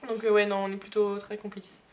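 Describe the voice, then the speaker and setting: This early-twenties vlogger, an elder sister, talks to the camera from a room at home in a rambling, giggly, casual way. Her medium-pitched, slightly mellow voice is completely flat and a little fast, and the amateur digital camera adds noisy sound.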